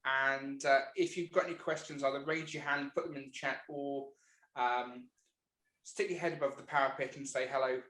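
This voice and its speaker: A man hosting an online meeting, enthusiastic and halting, often repeating words. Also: mid-range voice, fairly even intonation, fairly bright tone, reverberant, rough recording. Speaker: host.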